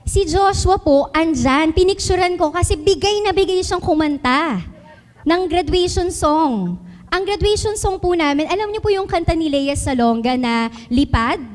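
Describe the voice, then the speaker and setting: High-voiced Filipino woman teacher on stage. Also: lively intonation, moderate pace. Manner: mixes Tagalog and English, asks the audience questions. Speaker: public school teacher giving a talk. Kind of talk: talk to a live audience with slides. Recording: long hall reverb.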